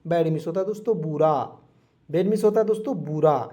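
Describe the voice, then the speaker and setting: A man's voice: on the high side, a little fast, mellow. A man teaching beginners English in a spoken lesson, repeating each word and quizzing the viewers as he goes. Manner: addresses the viewers as friends again and again.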